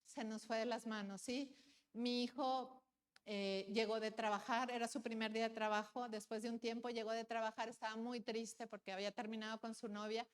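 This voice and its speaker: A woman's voice: on the high side, flat delivery, moderate pace, clear, resonant tone. A woman speaking at a conference, telling a personal story plainly and earnestly, often turning to the audience with questions. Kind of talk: personal testimony talk. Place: large conference hall. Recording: long hall reverb.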